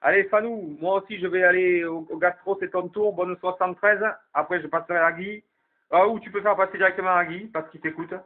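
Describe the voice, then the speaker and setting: A high-voiced man talks briskly over a tinny, narrow-band FM CB radio link, his intonation fairly even. As the amateur operator leading the round, he muses aloud casually and colloquially before giving the turn to the next operators.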